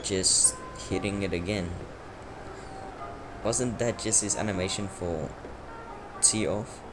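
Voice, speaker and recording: This young game YouTuber, an Afrikaans speaker, talks slowly in a deep voice as he wanders through casual gameplay commentary packed with fillers. Loud game music runs under the voice-over.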